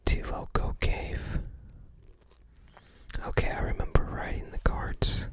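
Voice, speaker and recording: In this ASMR clip, the host browses a game guide book and comments without a script. The delivery is a gentle, breathy whisper with no voicing, slow-paced and musing, with hesitant attempts at recall.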